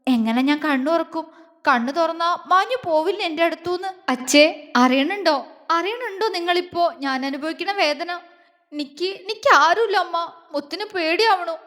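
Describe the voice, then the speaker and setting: A grieving young wife in a storybook romance , as a woman reader plays her. Her lines come tearful and trembling, and her voice sits high. A long hall reverb hangs on the sound. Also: animated, fairly quick, a bit bright.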